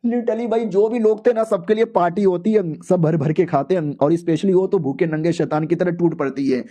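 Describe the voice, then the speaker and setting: High-voiced slangy young man recapping a comic. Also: brisk, warm tone. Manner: slangy, joking, profane. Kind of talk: casual comic story recap.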